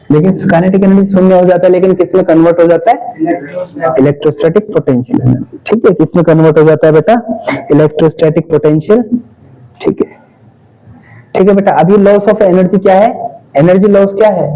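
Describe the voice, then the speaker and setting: A man's voice: high voice, mellow, low-quality recording. A male physics teacher lecturing a class, coaxing students by quizzing them with repeated questions and mixing his talk.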